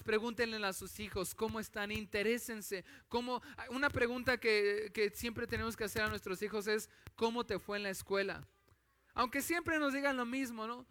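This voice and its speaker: A man's voice: sits high, sharp tone, clean tone. A man with a Mexican accent preaching a conversational sermon as a pastor, telling family stories in a chatty, anecdotal way.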